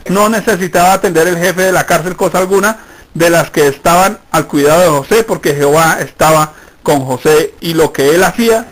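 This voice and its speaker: A man's voice: high voice, poor audio. A middle-aged Colombian pastor preaching a sermon in a conversational way, acting out the voices he quotes. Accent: Colombian Spanish.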